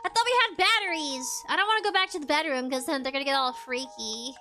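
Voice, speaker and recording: While streaming a game, a woman chats casually with her viewers in a bubbly, giggly way. She speaks fast in a high, sharp voice, with faint music playing behind her.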